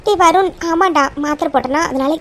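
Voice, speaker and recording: A woman's voice: sits high, a little fast, a little hiss or hum, lightly acted. A woman voicing a cheerful, teasing old grandmother in a cartoon who scolds her grandsons fondly. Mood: fond, scolding. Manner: fond scolding, calls everyone by affectionate nicknames. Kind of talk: cartoon voice acting.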